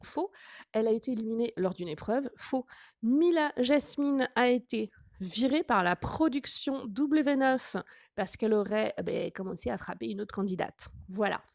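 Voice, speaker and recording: A woman's voice: fairly high pitch, lively intonation, moderate pace, creaky, darkish tone, dry recording, clean studio sound. A woman hosting a gossip channel, commenting casually with sarcastic, teasing asides.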